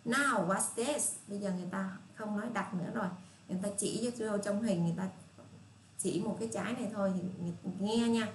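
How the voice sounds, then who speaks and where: A woman with a Southern Vietnamese accent teaching children English, patient and repetitive, reading English phrases out slowly. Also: medium pitch, steady tone, mellow. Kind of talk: casual spoken lesson for children. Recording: echoey room with faint hiss.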